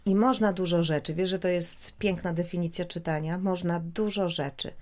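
A woman hosting a studio conversation with children, asking questions and chiming in with quick encouraging remarks. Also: on the low side, steady tone, a little mellow. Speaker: radio host talking with children. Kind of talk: lively studio conversation with kids.

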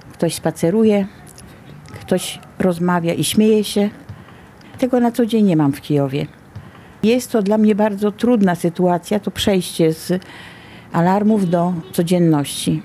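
A middle-aged woman giving a personal account as a teacher, phrasing her thoughts deliberately and reflectively. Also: mid-range voice, mellow, a little hiss or hum. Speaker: Polish language teacher working in Ukraine.

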